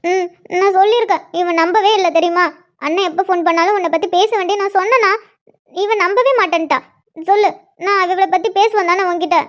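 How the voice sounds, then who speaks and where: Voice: very high-pitched, fairly even intonation, brisk, a bit bright, highs cut off. A performer voicing a tearful young woman, a clingy bride-to-be who pleads with her brother, in a cartoon. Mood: pleading. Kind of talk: cartoon voice acting.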